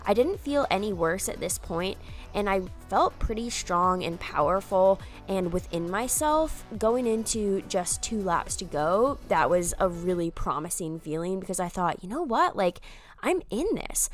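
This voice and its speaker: A woman's voice: fairly low pitch, measured pace, faint music behind. A young woman, a runner, giving an upbeat, chatty voice-over analysis of her own race, with casual fillers.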